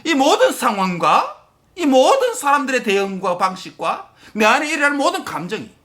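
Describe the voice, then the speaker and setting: A male pastor preaching a sermon with impassioned emphasis, addressing the congregation directly and dropping at times to a hushed near-whisper. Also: very high-pitched.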